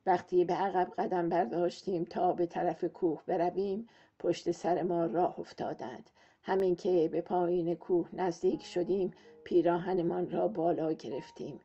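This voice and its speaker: A woman reads a romance novel aloud in calm, measured scripted narration. Her voice is low and very mellow, and the recording sounds slightly muffled, with soft music playing underneath. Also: creaky, husky. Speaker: audiobook narrator.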